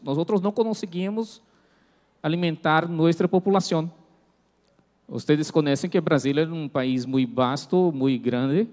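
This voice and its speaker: In a reverberant hall, a man with a fairly high voice presents to a conference. He is a native Portuguese speaker with a Brazilian accent, speaking halting Spanish blended with Portuguese. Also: darkish tone, distant mic. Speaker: conference speaker, agribusiness researcher. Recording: echoey hall with long reverb.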